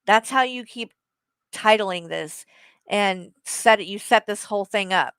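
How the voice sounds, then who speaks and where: Slow, bright-voiced woman ranting live. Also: medium pitch, clear, resonant tone, no room sound. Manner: blunt, profane, addresses someone directly. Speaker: live reaction streamer. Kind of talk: heated live commentary.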